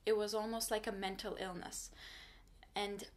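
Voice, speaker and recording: A young Turkish woman, a native Turkish speaker, talks frankly to the camera from her small bedroom in a casual vlog, offering earnest advice. Her mid-range voice has little pitch movement and a moderate pace, and the camera sits in front of her at desk distance.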